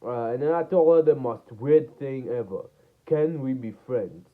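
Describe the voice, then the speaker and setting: A man's voice: mid-range voice, unhurried. A man casually telling a made-up storytime, rambling and repeating "and then I was like" as he goes. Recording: tinny phone-like sound.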